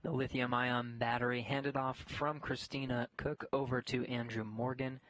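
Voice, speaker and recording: A man's voice: mid-range voice, flat delivery, normal speed, fairly bright tone, dry recording. Male commentator, mid-range voice, close and dry, explaining a live space operation as it unfolds. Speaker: mission commentator.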